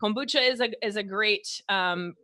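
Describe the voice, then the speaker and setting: A woman's voice: medium pitch, moderate pace, bright, forceful tone, no echo. A woman with a Texas accent hosting a health podcast, chatty and loose, full of fillers and restarts. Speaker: podcast host, doctor. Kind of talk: casual podcast chat.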